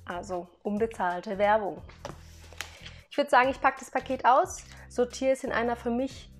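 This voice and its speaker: A vlogger chats casually with her viewers in a product haul, explaining each item one by one and laughing now and then between remarks. Her voice is a little high, at normal speed, with soft background music.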